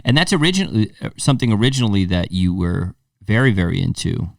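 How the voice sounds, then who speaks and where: A male podcast host with a lowish voice, encouraging and affirming his guest. He hesitates and rephrases as he goes. He sits a little back from the microphone in a dry space. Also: big pitch swings, quick pace, creaky, dry recording, recorded from a distance. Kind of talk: casual interview chat.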